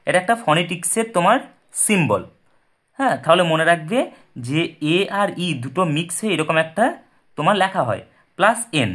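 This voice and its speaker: Patient male English teacher, slightly high. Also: fairly bright tone. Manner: patient, repeats points and asks then answers his own questions. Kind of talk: explaining a lesson. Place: indoors at a desk with paper and pen.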